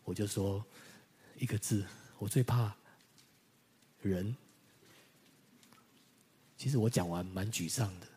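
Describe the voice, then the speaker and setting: A man pastor delivering a sermon, telling personal stories, moving between loud emphasis and quiet, reflective passages. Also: on the low side, breathy edge.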